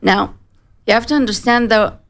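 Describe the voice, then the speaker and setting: In a broadcast studio, an Israeli woman in her forties with a faint American accent gives a personal account as a guest. Her voice is a little high and a bit bright, and she speaks in plain, measured sentences.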